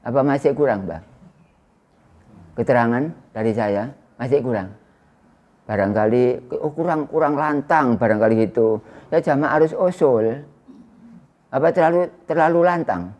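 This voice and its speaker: A man in his sixties with an East Javanese accent, giving an Islamic study lecture to a small indoor congregation in a loud, projecting voice without a microphone, chatting with his listeners. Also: medium pitch, normal speed, pauses often. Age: 60s. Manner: conversational, teasing the audience. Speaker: religious teacher. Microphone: no loudspeaker or microphone used.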